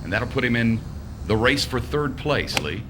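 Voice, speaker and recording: A man's voice: mid-range voice, expressive, moderate pace, background noise. A man working as a golf commentator, calling play in short, terse announcements.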